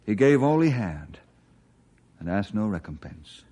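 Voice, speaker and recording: Forest ranger, radio drama, slow, mellow, solemn. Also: male voice, fairly low pitch, sing-song. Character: male forest ranger, steady and kind. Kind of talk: 1950s radio drama acting.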